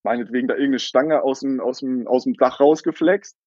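A man's voice: medium pitch, steady tone, a little fast, darkish tone, dry recording, lo-fi sound. A young man in his twenties telling the story of his coffee cart business in a casual interview, with many fillers and laughs.

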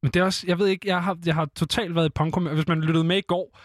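A man's voice: on the high side, fairly even intonation, no echo. A male radio host chatting casually in the studio and presenting music, with many filler sounds.

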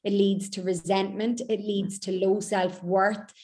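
A woman's voice: mid-range voice, little pitch movement, a little slow, a little mellow. A woman speaking as a mindset coach in a podcast interview, making her points in short, emphatic, repeated sentences.

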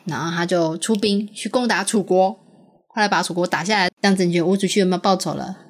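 A mother chats with her small daughter about a story in a rather low voice. She asks patient questions and laughs easily. She sounds like a woman in her thirties. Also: quick pace. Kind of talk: casual storytelling chat with a child.

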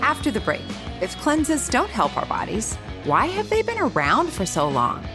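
A woman's voice: on the high side, wildly swooping pitch, moderate pace, music in the background. A woman hosting a podcast. She narrates a scripted story in a wry tone. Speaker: podcast host.

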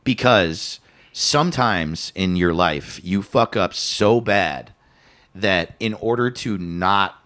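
A man co-hosting a podcast in casual chat, swearing often and thinking out loud with restarts. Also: sits low, slow. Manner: animated, swears a lot, thinks aloud with restarts. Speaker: podcast co-host.

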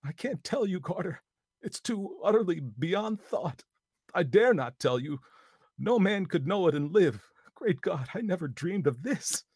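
A man voicing a terrified, frantic friend calling up from a crypt, with high panicked shouting. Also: animated, unhurried, husky, no room sound, studio quality, exaggerated voice.

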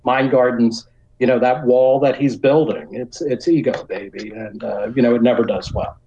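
A man's voice: mid-range voice, fairly even intonation, normal speed, warm tone, muffled recording. Rambling, enthusiastic man. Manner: rambling, lots of "you know" fillers. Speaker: podcast co-host. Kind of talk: casual music discussion.

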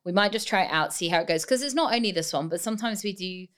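A woman co-hosting a podcast, chatting casually with quick reactions. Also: mid-range voice, a bit bright. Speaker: podcast co-host. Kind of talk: casual chat.

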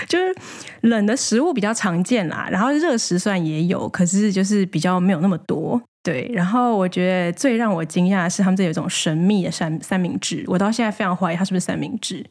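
A young woman from Taiwan, co-hosting a casual chat podcast and telling stories in an animated, playful way. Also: lowish voice, a little fast. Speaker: podcast co-host.

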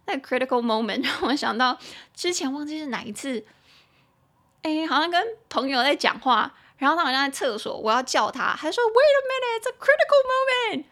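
A woman hosting a casual podcast lesson, translating phrase by phrase and spelling words letter by letter, chatty and quick to joke. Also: high voice, animated, fairly bright tone. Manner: chatty and joking, laughs easily. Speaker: English teacher and podcast host.

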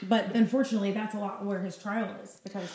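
A woman's voice: mid-range voice, fairly even intonation, fast talker, a crowd in the background. A woman co-hosting a podcast, talking casually and conversationally with her partner. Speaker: podcast co-host. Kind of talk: casual chat.

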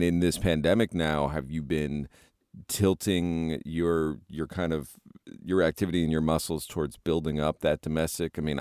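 A man with a very low voice works as a podcast interviewer. He talks in a casual, conversational style as he puts questions to a guest. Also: darkish tone, clean tone, no room sound, studio quality.

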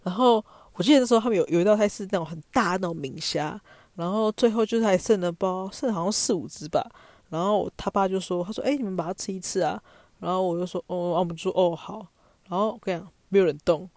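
A woman's voice: lowish voice, fast talker, a little mellow, dry recording. A young woman with a Taiwanese Mandarin accent, telling stories in a chatty, self-mocking way as a podcast host. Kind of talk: casual storytelling monologue.

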